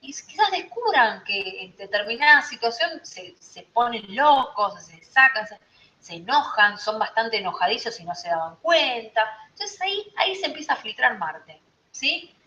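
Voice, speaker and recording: A woman's voice: fairly high pitch, big pitch swings, moderate pace, bright, forceful tone. A woman with a Rioplatense Spanish accent gives an informal astrology lesson, talking conversationally and often checking in with her listeners. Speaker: astrology teacher. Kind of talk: informal teaching talk to a group. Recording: roomy, slightly dull recording.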